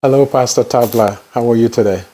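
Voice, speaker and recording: A man hosting his own interview channel, introducing his guest in a formal, deliberate way. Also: medium pitch, dark tone, faint music behind. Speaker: interview host, YouTuber.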